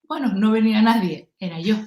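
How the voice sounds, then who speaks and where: A woman's voice: medium pitch, fairly quick, slight background noise. A woman, a guest telling a story in an interview and acting out the dialogue as she goes. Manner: lively storyteller who acts out dialogue. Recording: roomy echo.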